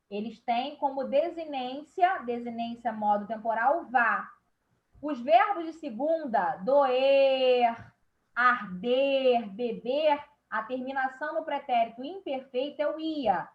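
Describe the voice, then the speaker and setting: A woman's voice: sits high, lo-fi sound. A woman teacher with a Brazilian Portuguese accent, explaining a grammar lesson step by step and checking in with her class.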